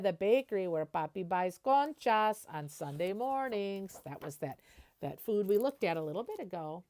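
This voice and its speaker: In a mid-range voice, a woman brings a children's picture book to life as she reads it aloud, breaking off to explain and translate as she goes.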